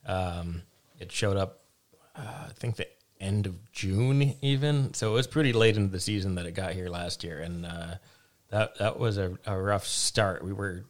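A somewhat low-pitched man talks casually about his farm work as an interview guest. He hesitates often, trails off and restarts his sentences, with an easygoing, unhurried manner. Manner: relaxed, hesitant with many fillers and restarts, laughs easily. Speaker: vegetable farmer guest.

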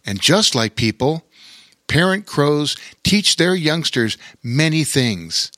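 A man voicing a kindly bear king who speaks slowly and gently, explaining things. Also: on the high side, very animated, dry recording, clean studio sound, voice pushed up, heavily acted. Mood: gentle.

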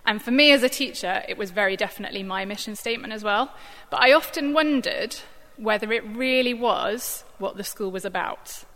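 Woman, bright tone, informal sermon with lots of fillers, long reverberant hall. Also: fairly high pitch, fairly quick, few pauses. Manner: conversational, thoughtful, many fillers. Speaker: church staff member giving a Bible reflection.

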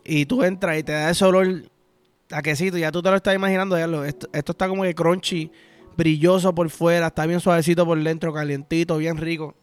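A high-pitched man with a Puerto Rican accent hosts a podcast. He delivers a crude, rambling, profane comic monologue over faint background music. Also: steady tone, a little fast, clean tone. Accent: Puerto Rican Spanish. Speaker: podcast host. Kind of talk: casual comedic podcast monologue.

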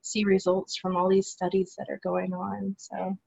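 A support group organizer, heard remotely as an interview guest, has a mid-range, warm, creaky, slightly rough voice, a completely flat delivery, and normal speed on a rough recording. She talks with earnest enthusiasm in a casual chat, trailing off at the ends of sentences.

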